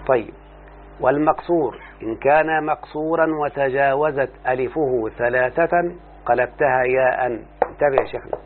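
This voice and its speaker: Egyptian male teacher, slow and deliberate, keeps quizzing the student, phone-like sound with a faint hum. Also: medium pitch. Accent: Egyptian Arabic. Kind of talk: Arabic grammar lesson.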